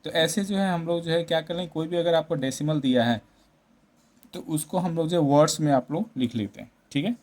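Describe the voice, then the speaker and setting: A man's voice: on the high side, fairly quick, a little mellow. A man teaching a maths lesson, explaining step by step, mixing English number words into Hindi and often checking in with tag questions. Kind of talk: classroom-style maths lesson.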